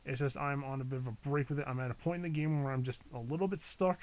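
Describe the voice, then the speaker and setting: A man's voice: medium pitch, steady tone, fast talker, darkish tone, rough recording. A man giving a casual channel update as a gaming YouTuber, rambling and hesitant with many fillers, restarts and casual swearing.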